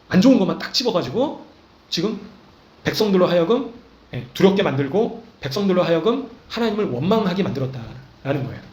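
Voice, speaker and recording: Echoey preaching man, fairly high voice. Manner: emphatic preaching with frequent "그죠?" and "예," tags, acting out confessions. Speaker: pastor. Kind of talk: sermon.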